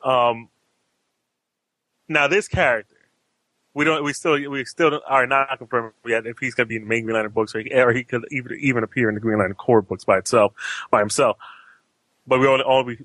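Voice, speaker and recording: A man's voice: medium pitch, steady tone, a little fast, a bit bright, no room sound, poor audio. A man hosting a comics podcast who rambles in casual chat and puts questions to his co-hosts. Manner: rambling, asks the panel questions. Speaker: podcast host.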